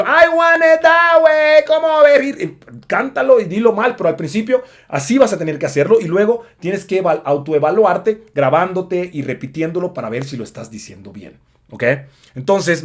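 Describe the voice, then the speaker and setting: A man's voice: high-pitched, animated, moderate pace. A man giving a casual spoken English lesson, chatty with lots of fillers. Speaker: English teacher.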